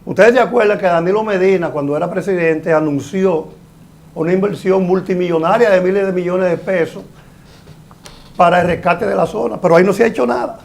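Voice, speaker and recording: High-voiced older man explaining. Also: creaky, a little mellow. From Dominican Republic. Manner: explanatory, measured, occasionally emphatic. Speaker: guest engineer. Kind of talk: panel talk show discussion.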